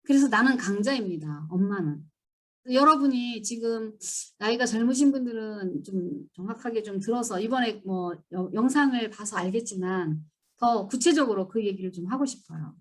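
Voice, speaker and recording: Lively woman lecturing at a church seminar. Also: mid-range voice, moderate pace. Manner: animated storytelling, acting out quoted scolding. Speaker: seminar speaker.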